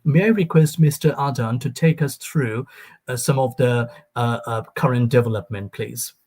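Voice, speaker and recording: A man's voice: medium pitch, moderate pace, a little mellow. A man hosts and moderates a panel, speaking politely and formally. He thanks one guest and invites the next to take over. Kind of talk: moderating a discussion.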